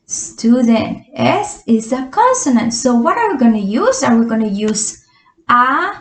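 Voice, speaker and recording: A woman teaching English grammar to Spanish speakers, patient and drawn-out, asking her students quiz questions. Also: on the high side, very animated. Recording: echoey room.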